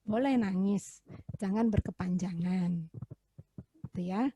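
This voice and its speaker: A woman's voice: medium pitch, takes it slowly, mellow, breathy edge, no echo. A woman, a psychologist giving a casual webinar talk to parents, explaining with everyday examples and rhetorical questions over a video call. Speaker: child psychologist presenter.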